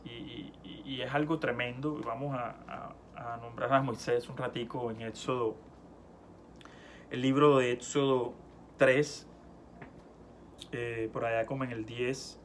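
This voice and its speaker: A man preaches in an easy, chatty way, stumbling over restarts, then lifts his voice when he reads scripture. His pitch sits in the middle range. A faint hiss of noise runs under the recording. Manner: conversational preaching with many restarts, rising loud when reading scripture. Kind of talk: sermon.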